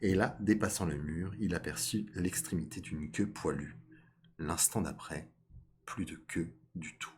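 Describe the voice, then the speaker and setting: A man's voice: low-pitched, a little slow, slightly rough. A man streaming a live reading of a folk tale, stopping now and then to comment on his character voices.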